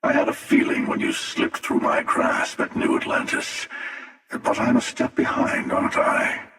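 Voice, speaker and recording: A man voicing a smug, menacing, world-weary hunter from a video game, with a breathy rasp and sardonic, deliberate delivery. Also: fairly bright tone. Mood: smug, taunting. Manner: sardonic, deliberate, drawling taunts. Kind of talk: video game character voice acting. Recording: echoing, long reverb, distant.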